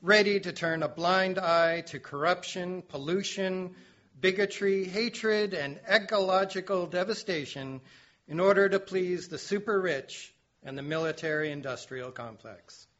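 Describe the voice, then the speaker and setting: High-pitched announcer guy warning earth, big dramatic delivery, lo-fi dull sound, played by a man. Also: measured pace, fairly bright tone. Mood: ominous. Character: male herald warning humanity, dramatic. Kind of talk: audio drama narration.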